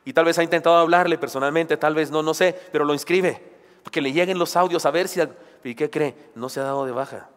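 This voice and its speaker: A man's voice: on the high side, quick pace. A man preaching a sermon, emphatic, with rhetorical questions and joking asides. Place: church sanctuary. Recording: long church hall reverb.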